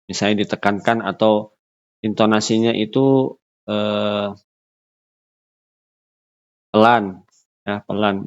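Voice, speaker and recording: A man with a lowish voice lectures in an unscripted way, halting with fillers and restarting phrases as he explains. The recording sounds dull and lo-fi.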